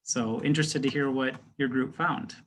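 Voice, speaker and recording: Male instructor, mid-range voice, supportive, halting online delivery. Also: medium pitch, steady tone, fairly bright tone, slight background noise. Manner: encouraging, hesitant with many fillers. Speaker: course instructor moderating student presentations. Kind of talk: online class discussion. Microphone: video call.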